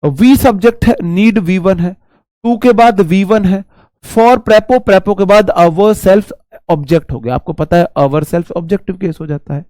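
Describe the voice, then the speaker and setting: A man's voice: sits high, unhurried, darkish tone, no room sound, clean studio sound. A young man teaching grammar in a live online class, chatty and teasing, mixing Hindi and as he reads student questions aloud.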